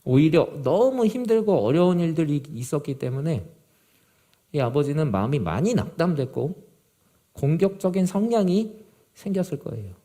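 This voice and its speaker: A male pastor preaching a sermon to a youth group, swinging from loud, urgent emphasis to low, quiet gravity. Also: lively intonation, normal speed.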